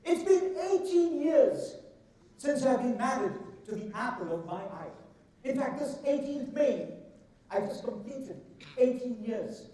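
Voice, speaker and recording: A middle-aged man with an Indian accent performs a humorous speech in a very echoey hall, heard at a distance from the microphone. His tone is mellow and rounded, and his delivery is theatrical and rehearsed, with deliberate, stretched emphasis on key words. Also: very high-pitched, big pitch swings. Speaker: contest speaker. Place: large indoor event hall. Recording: echoey hall, far from the mic.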